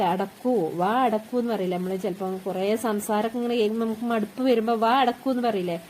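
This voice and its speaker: A woman's voice: fairly high pitch, a little mellow, a little hiss or hum. A woman teaching spoken phrases, repeating each one and explaining it word by word. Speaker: language teacher. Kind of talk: teaching Hindi phrases with Malayalam meanings.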